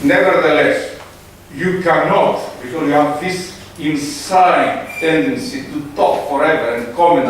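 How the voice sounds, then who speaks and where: A man giving joking, digressive opening remarks as conference organizer in a hall. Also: on the high side. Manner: joking, digressive, non-native English. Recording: echoey hall from far off, noise.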